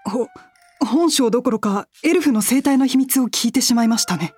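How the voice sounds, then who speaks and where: A high, courteous warrior played by a woman in a fantasy drama, dutiful but easily flustered. The lines are formal with small stammers, over faint music. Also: normal speed, darkish tone, husky. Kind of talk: fantasy audio drama acting. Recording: music under the voice.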